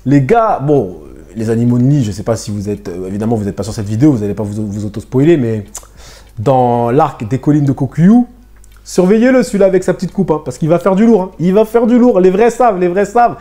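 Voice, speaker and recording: A man's voice: mid-range voice, fairly quick. A man reviewing a manga chapter in casual slangy talk, addressing his viewers directly. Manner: animated, slangy, talks to viewers.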